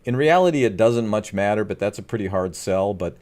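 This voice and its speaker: A man with a lowish voice co-hosts a business podcast in an easy conversational way. He gets animated and now and then drops into playful put-on to make a point. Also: brisk. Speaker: podcast co-host, agency owner. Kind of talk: casual podcast chat.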